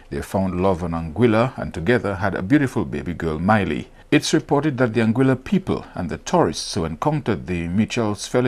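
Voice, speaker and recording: A male reporter reading a scripted news report with measured, formal delivery. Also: low voice.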